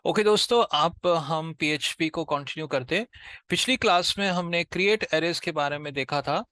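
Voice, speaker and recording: Teaching programming step by step in an informal way, a man with an Indian accent repeats himself haltingly and mixes in English tech terms. He has a slightly high, bright, forceful voice, and there is no room sound.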